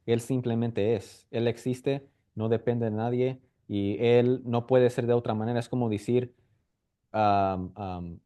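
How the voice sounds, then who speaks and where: A man at a middle pitch teaches a casual Bible lesson. He explains carefully, repeats key points, and checks in often with quick questions. His delivery is halting, with frequent restarts. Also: steady tone, mellow.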